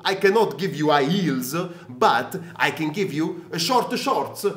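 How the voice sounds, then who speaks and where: A frank Italian salesman, played by a man in a comedy sketch. He is friendly and animated, recorded in an echoey room. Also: fairly high pitch, slow.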